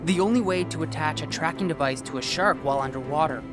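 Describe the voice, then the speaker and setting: A man's voice: a little high, fast. A young man presenting and narrating a nature documentary in a scripted style. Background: music bed under the voice.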